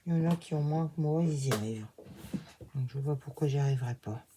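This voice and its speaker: A woman's voice: rumbling low, quick pace, background noise. A woman with a slight lisp, slushy on her s sounds, chatting casually and rambling to herself as she does crafts. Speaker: craft vlogger filming herself. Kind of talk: casual chat while crafting.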